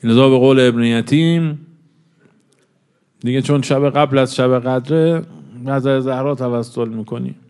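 A man preaching an emotional mourning sermon, drawing out chanted verses slowly and swinging between swelling loudness and a hushed voice. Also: mid-range voice, clear, resonant tone. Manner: emotional, swells louder then drops to a hush; draws out recited lines slowly.

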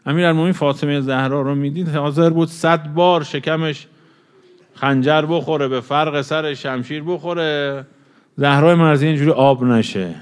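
A man preaching an emotional mourning sermon, drawing out chanted verses slowly and swinging between swelling loudness and a hushed voice. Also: a little high, fairly even intonation, clear, resonant tone. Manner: emotional, swells louder then drops to a hush; draws out recited lines slowly.

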